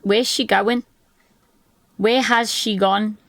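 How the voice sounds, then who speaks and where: A woman streamer with a hoarse, gravelly voice chats casually with her live viewers from her desk, rambling and laughing often. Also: medium pitch, fairly even intonation, slow pace, fairly bright tone. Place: at a desk indoors.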